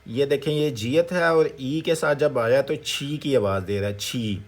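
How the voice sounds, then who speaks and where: A man teaching a language lesson. He breaks words into syllables slowly and keeps asking viewers what each one becomes. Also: medium pitch. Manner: slow, repetitive syllable-by-syllable drilling with questions to viewers. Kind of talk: Korean vocabulary lesson in Urdu.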